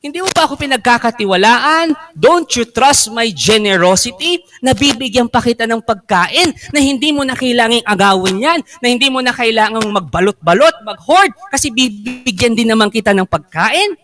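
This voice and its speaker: A man voicing a kind male party host who gently pleads with his guests. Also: extremely high pitch, lively intonation, moderate pace, hardly any pauses, pitched above the performer's own voice, heavily acted. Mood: pleading.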